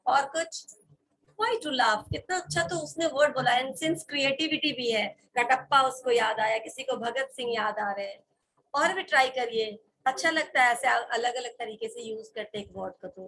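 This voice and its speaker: Woman teacher, high and bright, spells words aloud and checks in with the class. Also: low-quality recording. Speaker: English vocabulary teacher. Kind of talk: classroom lesson. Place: classroom with students.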